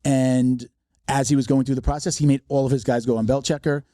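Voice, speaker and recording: A man's voice: mid-range voice, level tone, fairly quick, warm tone, no echo, clean studio sound. A man hosting a casual podcast conversation, rambling with many restarts.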